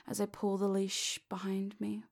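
Woman, hypnosis guide: husky, flat-toned whisper, soft and commanding. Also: mid-range voice, moderate pace. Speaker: hypnosis audio creator.

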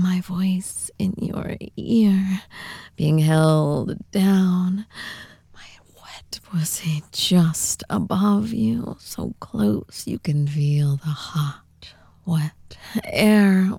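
A woman acts out a supernatural seductress who is teasing and firmly in control. The ASMR role-play is intimate and right in your ear, very slow and breathy, with some creak in the voice. It is recorded close and dry. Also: fairly low pitch, no echo, exaggerated voice. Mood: seductive, teasing. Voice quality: breathy, hushed. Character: dominant, teasing seductress with many supernatural selves. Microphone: very close microphone.

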